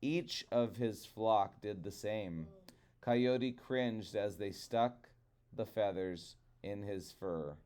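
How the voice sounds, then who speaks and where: Male storyteller for trickster tale: unhurried, resonant, deliberate dramatic phrasing. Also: fairly low pitch, darkish tone, clean tone.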